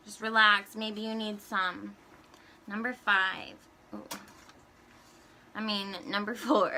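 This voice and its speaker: A young woman talks straight to her camera in a blunt, casual rant, counting down her list and swearing freely. Her voice sits a little high and sounds bright and sharp. She laughs between points as she goes. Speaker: vlogger.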